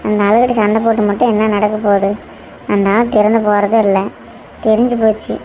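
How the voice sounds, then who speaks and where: A woman's voice: fairly high pitch, slight background noise, natural voice, poor audio. A woman voicing a distressed, tearful village wife in a cartoon drama, speaking in a with a pleading, reproachful tone. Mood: weary. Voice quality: pleading, reproachful, flat despairing tone.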